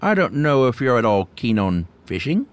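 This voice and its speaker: A man voicing a reclusive male hermit who speaks in a clipped, old-fashioned, slightly nervous gentleman's manner. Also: mid-range voice, big pitch swings, moderate pace, natural voice. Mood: offhand chummy.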